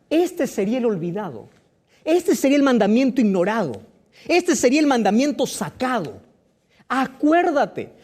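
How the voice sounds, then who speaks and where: A male pastor preaching a sermon, emphatic and slow on stressed phrases, asking the listener rhetorical questions. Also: high-pitched, a little mellow.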